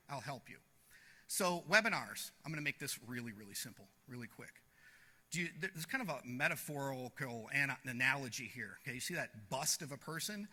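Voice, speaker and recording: A man giving a blunt, animated marketing seminar talk to a live audience, acting out the people he quotes. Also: a little high. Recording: echoey hall.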